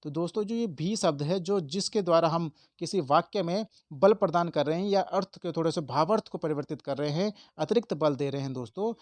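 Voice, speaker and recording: A man's voice: fairly high pitch, fairly quick, hardly any pauses, darkish tone, dry recording. A man teaching an exam-prep lesson, explaining step by step and stressing key words to his viewers. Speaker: Hindi exam tutor.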